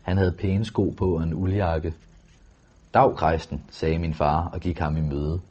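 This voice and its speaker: A man reading a first-person novel aloud in a calm, measured, steady way. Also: sits low, breathy edge, dull audio. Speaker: audiobook narrator.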